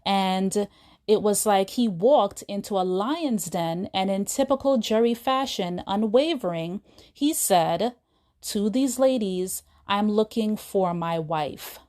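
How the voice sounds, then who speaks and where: Taking her time, a podcast host chats her way through a film scene in a casual storytelling monologue, speaking directly to listeners in asides. Her voice is mid-range and slightly mellow.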